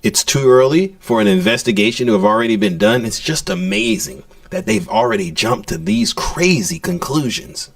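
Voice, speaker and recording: A man's voice: high voice, very animated, moderate pace, vocal fry, hardly any pauses, dry recording, distant mic. A man delivering skeptical, indignant livestream news commentary, speaking directly to viewers.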